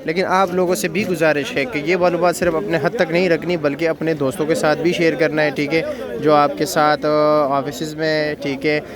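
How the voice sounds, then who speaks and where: A man's voice: on the high side, little pitch movement, moderate pace. A man with a Pakistani accent vlogging market prices, questioning vendors and repeating figures. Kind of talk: spoken market vlog with short vendor exchanges. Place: outdoor wholesale vegetable market. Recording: busy outdoor market crowd and birds. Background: crowd chatter, birdsong.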